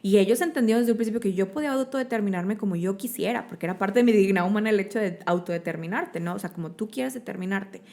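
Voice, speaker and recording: Mexican woman with a gravelly voice. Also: medium pitch, quick pace, few pauses. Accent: Mexican Spanish. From Monterrey, Mexico. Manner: expressive, full of fillers and tag questions. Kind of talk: conversational interview storytelling.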